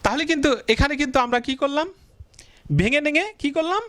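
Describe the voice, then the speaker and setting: A male teacher giving a blackboard grammar lesson, asking the class questions, answering them himself and drawing syllables out slowly as he writes. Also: very high-pitched, animated, background noise. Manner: stretches out syllables slowly while writing.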